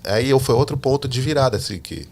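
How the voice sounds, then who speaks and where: A man telling his personal faith testimony as a podcast guest, a lively storyteller who acts out the dialogue he quotes. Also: medium pitch, fast, gravelly, a little hiss or hum. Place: living in the United States.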